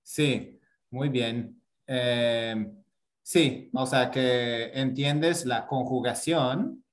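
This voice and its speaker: A man teaching grammar in a relaxed online lesson. He speaks slowly, at an even middle pitch, and explains patiently. He fills pauses with hesitations and keeps checking in with short tag questions. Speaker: Spanish teacher.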